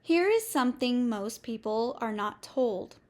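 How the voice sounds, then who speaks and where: A woman coach delivering a scripted motivational lesson in a measured, steady way, with short listed phrases. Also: on the high side. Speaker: business coach. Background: faint music.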